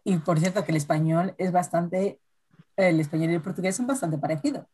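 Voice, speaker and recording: A woman co-hosting a podcast tells stories chattily during a casual chat over wine, constantly adding "¿no?" to her sentences. Her voice is fairly low, mellow, and fairly quick, with a breathy edge.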